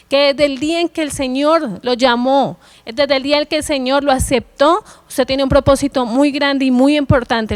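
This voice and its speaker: Earnest woman preacher, high clear voice, close and dry, for a sermon read. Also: no room sound. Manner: earnest, exhorting young listeners with repeated phrases.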